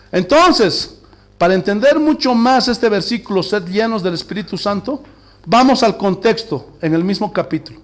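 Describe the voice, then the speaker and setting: A male pastor preaching a sermon in a church, asking the congregation rhetorical questions. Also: extremely high pitch. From Bolivia.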